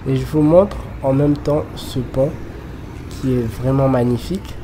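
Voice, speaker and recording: A man guiding a walking tour outdoors beside a busy road. He talks slowly and hesitantly, with many fillers. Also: medium pitch. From Côte d'Ivoire. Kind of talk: casual walking-tour narration. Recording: background music and traffic noise.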